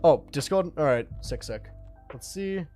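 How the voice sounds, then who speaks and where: A man's voice: on the high side, animated, unhurried, dark tone. A young man hosting a live stream, chatting casually and reflectively, often stumbling and restarting his sentences. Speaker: livestream host. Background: lo-fi music.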